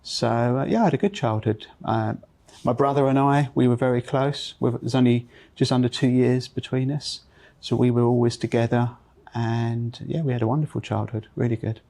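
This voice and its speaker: A man in his fifties from London with a London accent, telling his life story as an interview guest in a reflective way, with pauses and fillers. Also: mid-range voice, dark tone. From England. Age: 50s. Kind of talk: conversational interview.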